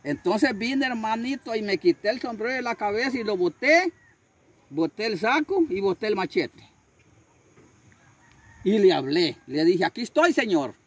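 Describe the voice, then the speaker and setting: An older man tells his story with fervor, repeating his phrases and acting out each voice. His voice is husky and high, and it leaps through a wide range. Crickets chirp faintly behind him outdoors. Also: expressive, normal speed. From Honduras. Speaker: street preacher. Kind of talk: storytelling interview.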